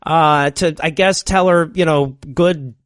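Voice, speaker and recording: A man's voice: a little high, steady tone, a little slow, a bit bright, smooth, no room sound, studio quality. A man co-hosting a podcast, riffing on a bad movie in casual, profane, laughing talk with lots of restarts. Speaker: podcast co-host. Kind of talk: casual comedic movie riff.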